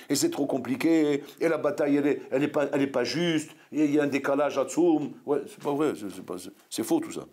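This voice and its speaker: A man, a rabbi, preaching a sermon in a lively, scolding way full of rhetorical questions. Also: mid-range voice, husky.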